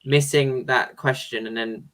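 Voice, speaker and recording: A man co-hosting a casual panel podcast, talking excitedly in quick bursts with frequent restarts. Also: mid-range voice, rough recording. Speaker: podcast co-host.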